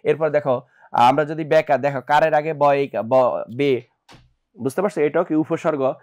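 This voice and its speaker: A young Bangladeshi man teaching an admission exam lesson, explaining each answer step by step and asking his students quick check questions. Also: a little high, steady tone, a little mellow. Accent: Bangladeshi Bengali.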